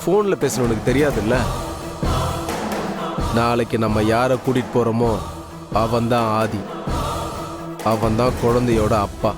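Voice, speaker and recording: A man's voice: medium pitch, a little slow, long pauses, close to an everyday voice. An actor playing a scheming father who plots a trick in a TV serial. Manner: sly, conspiratorial, self-satisfied. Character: scheming father plotting with his daughter. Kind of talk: TV serial acting. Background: loud background music.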